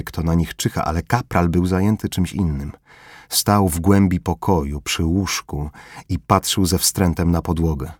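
A man reading a novel aloud in measured, grave scripted narration. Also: deep voice, a little mellow, breathy edge, dry recording, studio quality. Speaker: audiobook narrator.

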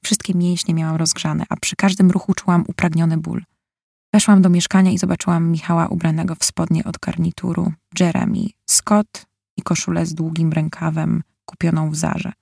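A woman's voice: lowish voice, little pitch movement, normal speed, vocal fry, dark tone, slightly rough, no room sound, clean studio sound. A young woman narrating a novel in the first person, in an emotional, bitter way. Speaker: audiobook narrator.

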